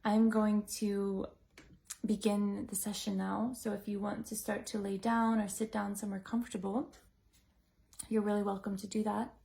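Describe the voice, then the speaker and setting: A woman leading a breathwork class, talking in a gentle, musing way, full of "like" and "you know". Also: medium pitch, level tone, moderate pace, gravelly. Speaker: breathwork teacher. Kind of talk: reflective teaching talk to a group.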